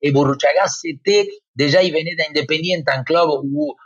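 A man's voice: a little high, moderate pace, no room sound. A man in his fifties with an Argentine accent, a native Spanish speaker, talks football as a guest pundit. He hesitates often, restarting phrases and filling gaps as he searches for words. The recording is dull and lo-fi, with a dry, close sound. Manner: hesitant, many fillers and restarts. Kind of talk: radio football talk.

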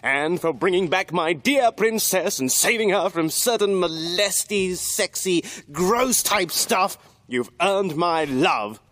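A man's voice: high voice, lively intonation, slow pace, a bit bright, no echo, full character voice. A man playing a pompous cartoon king. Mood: grandiose. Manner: grandiose, flustered. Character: pompous fussy male king.

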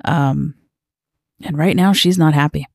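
Player with gravelly fry, dry teasing delivery, close dry recording. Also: mid-range voice, fairly even intonation, a little slow, dry recording. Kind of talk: tabletop game banter.

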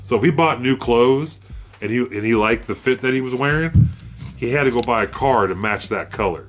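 A man's voice: mid-range voice, moderate pace, slight background noise. A man co-hosting a casual podcast, telling rambling, profane stories with lots of restarts. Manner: rambling storyteller, curses a lot, restarts often. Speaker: podcast co-host. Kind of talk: casual chat.

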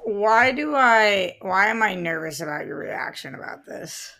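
A woman co-hosts a podcast, talking casually about films like an emphatic, enthusiastic fan. Her mid-range voice is animated, creaky and sharp-toned, and she speaks a little slowly.

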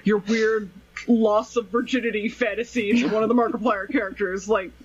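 A man's voice: sits high, level tone, moderate pace. A man co-hosting a podcast in casual chat, rambling and sarcastic. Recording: slightly dull lo-fi recording.

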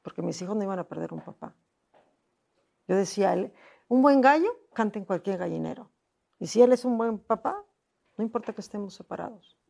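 A woman's voice: medium pitch, expressive, brisk, vocal fry, long pauses, mellow. A middle-aged Mexican woman, a guest in an interview, telling a personal story with emotion, often repeating herself and acting out what others said to her. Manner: repetitive, acts out quoted voices.

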